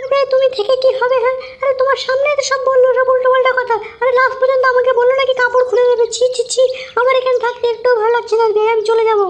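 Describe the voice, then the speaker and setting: A woman's voice: extremely high pitch, little pitch movement, very fast, a little hiss or hum. A woman playing an indignant middle-aged mother-in-law in a comic audio drama, scolding and fed up. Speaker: mother-in-law visiting her daughter's home.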